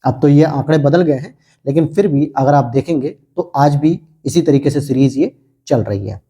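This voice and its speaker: A man's voice: a little high, moderate pace, warm tone, breathy edge. A man teaching an exam prep lesson, asking questions aloud and answering them himself. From India.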